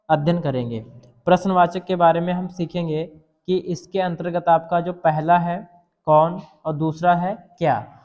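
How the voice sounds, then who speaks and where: A male teacher giving a grammar lesson for exam students, repeating example sentences slowly and asking questions. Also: fairly high pitch, a little mellow, in a large hall, highs cut off.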